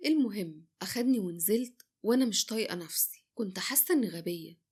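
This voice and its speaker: A woman's voice: medium pitch, animated, darkish tone, slightly rough. A woman with an Egyptian accent narrating a dramatic first-person story, voicing both herself and the other people in it. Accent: Egyptian Arabic. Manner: quick, breathless retelling that voices both sides of the dialogue.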